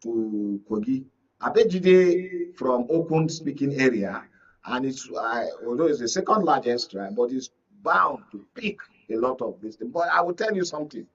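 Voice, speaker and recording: Speaking at a normal speed with lively intonation, this Nigerian guest and media analyst has a slightly rough, medium-pitched voice. He makes emphatic political arguments, going over points again and making sure his listener keeps up. The sound is muffled and lo-fi, as if the mic were far away.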